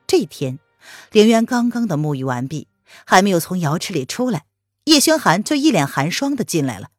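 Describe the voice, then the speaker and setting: A woman narrating a palace romance novel as an audiobook, in an expressive storytelling manner. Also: fairly low pitch, normal speed, no room sound, studio quality, soft background music.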